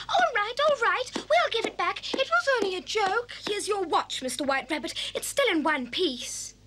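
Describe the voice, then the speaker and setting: A woman's voice: extremely high pitch, animated, normal speed, heavy background noise. A woman voicing a cheeky, rude young boy prankster in a cartoon who mocks everyone. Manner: mocking, boisterous.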